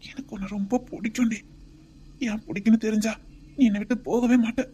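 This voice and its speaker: A woman's voice: fairly high pitch, flat delivery, fast talker, warm tone, a little hiss or hum, close to an everyday voice. A woman with a Tirunelveli Tamil accent voicing a doting young husband and father-to-be, tender and pleading, often near a whisper. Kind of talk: homemade web drama.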